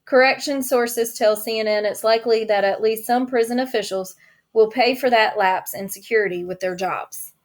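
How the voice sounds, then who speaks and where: A woman reading an audiobook, voicing a news anchor who delivers a crime report in an even, measured way. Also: a little high, lightly acted. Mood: serious.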